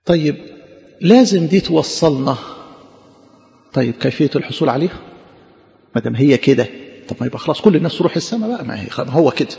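A man preaching with an Egyptian Arabic accent, his voice pitched high and his delivery quick. He keeps posing questions and answering them himself, like a lively chat with the congregation. The sound rings with a long hall reverb and is slightly dull. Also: creaky. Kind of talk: sermon.

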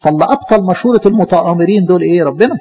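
Fast, high-voiced Egyptian preacher. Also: male voice, highs cut off. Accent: Egyptian Arabic. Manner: animated, rhetorical questions, acts out quotes. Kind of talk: sermon.

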